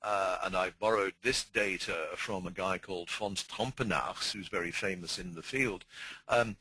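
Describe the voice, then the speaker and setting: A man's voice: low voice, normal speed, sharp tone, breathy edge, no echo, low-quality recording. A man, a communication trainer, explaining his ideas conversationally in an interview and often repeating words as he searches for the phrase.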